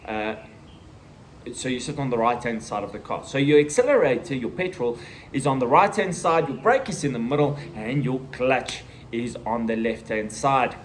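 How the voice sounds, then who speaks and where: A South African man in his thirties telling a personal story in a casual vlog, acting out the voices and the shouting. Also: medium pitch, lively intonation, normal speed, a little hiss or hum. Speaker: vlogger.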